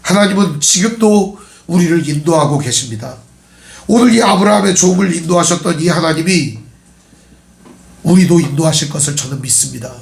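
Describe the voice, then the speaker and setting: A man's voice: a little high, expressive, moderate pace, gravelly. A male pastor with a cold, preaching in a chatty way that quizzes his congregation and slips in jokes. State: has a cold. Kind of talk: sermon. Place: church sanctuary. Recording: echoey church hall.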